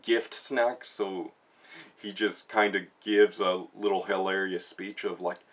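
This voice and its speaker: A low, slightly bright male voice with little pitch movement speaks slowly. He's a manga reviewer hosting a casual spoken book review, recapping the plot in informal, slangy language.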